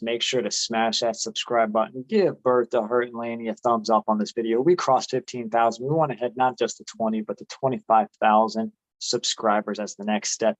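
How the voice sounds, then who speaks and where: A man's voice: medium pitch, dry recording, rough recording. A man co-hosting an investing chat, brash and hyped as he pumps up the viewers. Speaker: co-host of a dividend investing channel. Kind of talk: casual chat.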